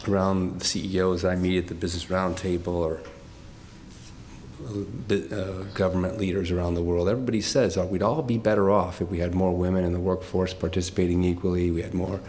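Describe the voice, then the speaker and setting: An older man speaks at a tribute event in a somewhat low voice, moved close to tears. He stops and restarts often, laughing through the emotion. A faint hum of room sound sits behind him. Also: flat delivery, brisk, a little mellow. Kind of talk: heartfelt off-the-cuff remarks.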